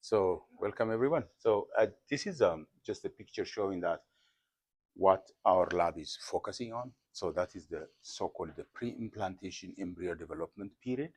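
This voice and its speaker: Man, from Ethiopia, middle-aged, very low pitch, husky, halting careful speech, research interview. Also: expressive. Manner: careful, repeats words and pauses with fillers. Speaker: associate professor, embryo researcher. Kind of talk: explaining his research in an interview.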